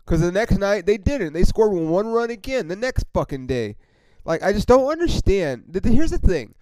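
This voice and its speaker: A man's voice: sits high, big pitch swings, moderate pace, darkish tone, no room sound, poor audio. A man hosting a casual solo sports podcast, rambling and swearing with lots of fillers as a frustrated fan. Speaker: podcast host.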